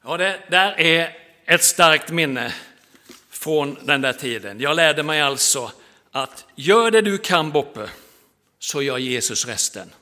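A middle-aged man, a pastor, preaching a sermon and telling a story with dramatic rises and soft drops. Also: fairly high pitch, expressive.

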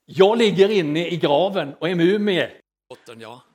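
Telling a story during his sermon, a middle-aged pastor moves from dramatic rises to soft drops. He has a high, husky voice and an animated delivery.

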